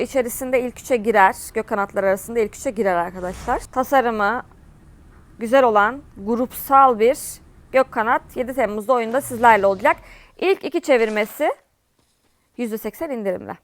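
A woman with a high voice hosts her own gaming channel, talking viewers through a match in a loose, chatty way. She often bursts out in exasperated complaints and shouts at opponents. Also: brisk. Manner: chatty, with frequent exasperated outbursts at the game. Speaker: gaming streamer. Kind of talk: casual gameplay commentary.

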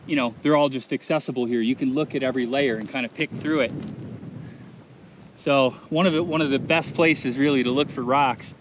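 Laid-back guy rambling to his camera out in the desert, faint hum behind him. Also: mid-range voice. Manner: easygoing, rambling, reflective, with frequent "uh" and "like". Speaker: solo thru-hiker filming his trip. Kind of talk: casual vlog narration. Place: outdoors in open desert.

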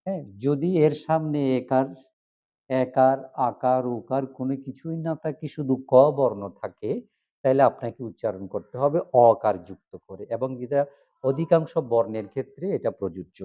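Male monk teacher, Bangladeshi Bengali accent, warm low-key tone, patient syllable drills. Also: highs cut off. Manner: patient, repeats syllables slowly for practice. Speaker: Buddhist monk teaching Pali pronunciation. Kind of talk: pronunciation lesson.

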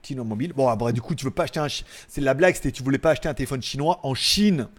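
A man's voice: medium pitch, racing. A man from France, hosting a live tech news show in a rambling, joking way with crude asides and frequent laughter. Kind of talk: casual live tech chat. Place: home studio, live stream.

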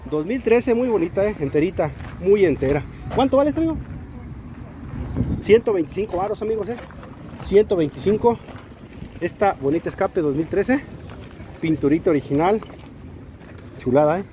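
Filmed on a handheld camera amid obvious street sounds, a Mexican man with a rather high voice makes his way around an outdoor used-car market, pitching every car with spirited, slangy patter. He talks at a normal speed but pauses frequently, and the audio quality is poor.

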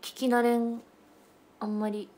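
A woman's voice: fairly high pitch, little pitch movement, unhurried, a little mellow. A young woman from western Japan hosting a casual livestream, chatting with viewers and mixing regional dialects as she talks. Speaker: idol livestream host.

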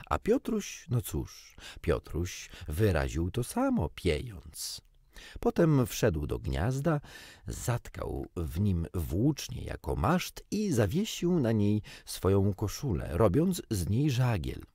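A man reading a children's storybook aloud with gently wry, expressive storytelling. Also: fairly low pitch, slow, slightly rough, dry recording, studio quality. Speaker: audiobook reader. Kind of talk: storybook narration.

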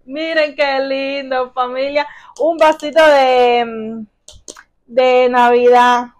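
Speaking slowly with a high voice and fairly even intonation, a young Cuban mother vlogs at home as she opens gifts. She has a Cuban accent, gushes and exclaims, and keeps calling her viewers family.

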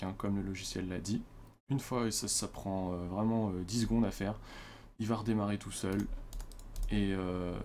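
A man's voice: lowish voice, a little mellow, a little hiss or hum. A French man presenting a computer tutorial in a loose, chatty way, with many fillers and self-corrections. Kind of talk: casual screen-recorded tutorial.

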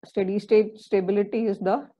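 A woman lecturer with an Indian English accent giving a recorded engineering lesson, explaining slowly, with many fillers and repeats. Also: medium pitch, little pitch movement, highs cut off.

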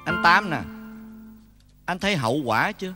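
Comic older friend who chides and lectures, played by a man, with a high voice and loud music behind. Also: animated, normal speed, close to an everyday voice. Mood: lecturing. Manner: chiding and lecturing, half sung. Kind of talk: Vietnamese folk opera acting.

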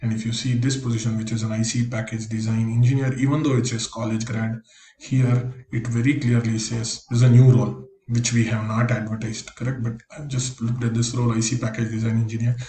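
This Indian man, a Konkani-speaking career coach, explains a screen-recorded tutorial in plain, practical steps. His flat, mellow voice is medium-pitched and brisk. There's echo in the room and a faint hiss.

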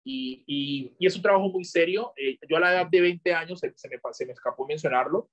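Halting man on a dull video call. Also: a little high. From Colombia. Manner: halting, restarts often, gestures while talking. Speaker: podcast guest. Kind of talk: casual interview talk.

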